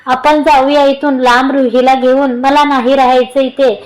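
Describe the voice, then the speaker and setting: A woman's voice: high-pitched, level tone, moderate pace, lightly acted, low-quality recording. A woman voicing a terrified young woman who frantically repeats herself, read aloud in an audio story. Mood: frantic.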